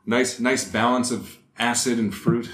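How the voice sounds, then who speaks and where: A man's voice: medium pitch, fairly even intonation, unhurried, fairly bright tone. A man appearing as a guest on a podcast, easygoing and joking in casual chat. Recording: roomy echo, faint noise.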